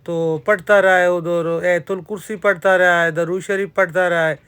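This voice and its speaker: A woman's voice: fairly low pitch, fairly even intonation, fairly bright tone, clear, resonant tone. A woman vlogger talks casually into a handheld phone at an outdoor amusement park. She chats straight to her viewers and keeps dropping religious phrases into her talk. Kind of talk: casual vlog narration.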